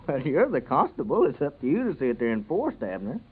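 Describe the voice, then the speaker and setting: An actor playing an earnest, plain-spoken small-town neighbour with a rural Southern American accent in an old radio comedy serial. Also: male voice, mid-range voice, huge pitch swings, quick pace, slightly rough. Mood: indignant, insistent. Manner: folksy, earnest. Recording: narrow, tinny vintage radio recording.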